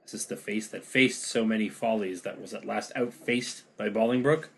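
A man's voice: on the low side, fairly even intonation, normal speed, gravelly, a little hiss or hum. A man reading the part of a grieving, mocking deposed king in an amateur play read-through, declaiming verse with wry sarcasm.

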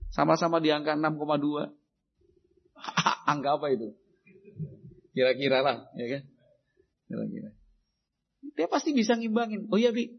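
A man preaching a sermon on parenting, acting out shouted exchanges between parent and child in an animated way. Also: a little high, normal speed, vocal fry, pauses often, slightly rough. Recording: dull lo-fi recording.

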